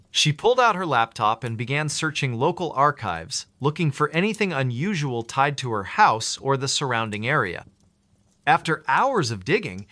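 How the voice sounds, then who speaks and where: Man, horror story narrator, suspenseful, bright forceful tone, very dry close sound. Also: mid-range voice, dry recording.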